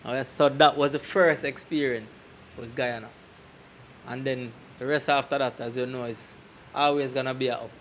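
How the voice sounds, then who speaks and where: A Jamaican-accented man, medium in pitch with a steady, fairly bright tone at a moderate pace, is an interview guest recalling his tours as a dancer. His patois anecdotes are casual and emphatic, delivered into a handheld mic as he frequently checks the listener is with him. The audio carries clear background noise and ambience.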